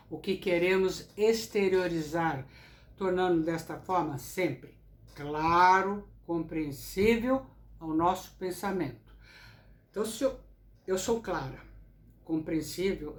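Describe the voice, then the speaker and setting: A woman teaching public speaking in a recorded lesson, speaking slowly and deliberately with careful articulation. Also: lowish voice. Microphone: camera. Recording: echoey room sound.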